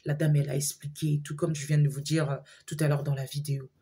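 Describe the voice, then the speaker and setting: A woman telling her viewers a personal story in a casual, animated way, with frequent fillers and repetitions. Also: sits low, quick pace, breathy edge.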